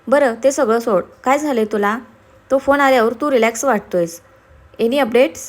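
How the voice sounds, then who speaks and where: A woman's voice: fairly high pitch, normal speed, natural voice. Woman voicing an exasperated young man. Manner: scolding, impatient.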